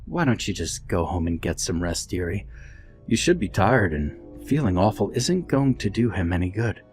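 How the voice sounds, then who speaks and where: A man voicing a gentle, reassuring elderly woman nurse in a narrated horror story. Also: deep voice, big pitch swings, moderate pace, faint music behind. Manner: soft, soothing, motherly.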